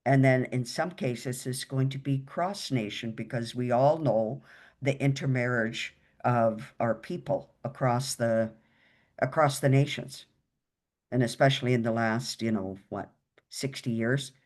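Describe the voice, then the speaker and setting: A woman's voice: extremely low pitch, measured pace, darkish tone. Earnest woman panelist on a video call. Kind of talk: webinar panel discussion.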